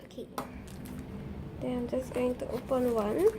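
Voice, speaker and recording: Excitable young woman unboxing fan goods. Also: high voice, measured pace, heavy background noise. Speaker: unboxing vlogger. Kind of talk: casual unboxing chat.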